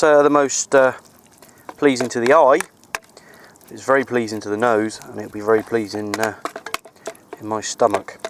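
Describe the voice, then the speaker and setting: Slight background noise accompanies a mid-range man's voice as he rambles casually for an outdoor hobby vlog. The speaker, an amateur CB radio hobbyist, records on a handheld camera in the countryside with an easygoing manner.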